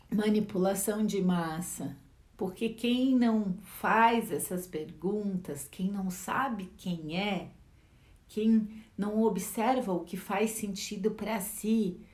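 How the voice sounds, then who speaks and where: Her voice mid-range and a little mellow, a middle-aged Brazilian woman teaches as a life educator in a reflective talk. She speaks with a Brazilian Portuguese accent, leaning on rhetorical and frequent tag questions, and the room echoes.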